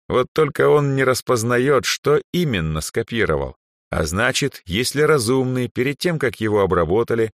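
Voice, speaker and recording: A man's voice: medium pitch, dry recording, clean studio sound, voice pushed up, natural voice. A man voicing an aging male archmage who sighs, lectures and sometimes snaps in anger. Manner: sighing, lecturing, flares into anger. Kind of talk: audiobook character voice.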